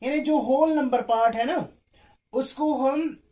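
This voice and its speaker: Man, math teacher, slow repetitive explaining, frequent comprehension checks. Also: extremely high pitch, mellow. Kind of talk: explaining a math lesson, mixing in English terms.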